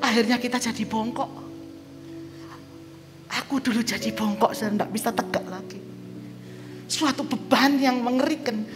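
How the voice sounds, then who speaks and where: A woman's voice: fairly high pitch, moderate pace, pauses often. A woman evangelist preaching a sermon with a personal testimony, telling her story vividly and acting out the dialogue. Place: large church hall. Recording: church hall reverb with background music.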